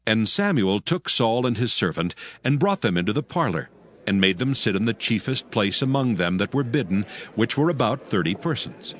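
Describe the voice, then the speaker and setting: A man's voice: fairly low pitch, lively intonation, normal speed. A man narrating a dramatized Bible audiobook in a formal storytelling delivery. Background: background music.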